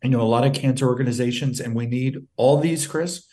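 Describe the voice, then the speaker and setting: A man speaks earnestly as a guest, retelling a heartfelt story with quoted back-and-forth. His delivery is emotional and sincere, at a middle pitch. He takes a measured pace with frequent pauses and fillers. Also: dark tone. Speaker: nonprofit CEO guest.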